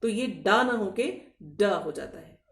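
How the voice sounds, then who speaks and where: A woman's voice: medium pitch, expressive, slow, recorded from a distance. Woman, English teacher, patient explainer who quizzes back key words, recorded a bit off-mic in a roomy space. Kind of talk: scripted video lecture. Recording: echoey room, voice off-mic.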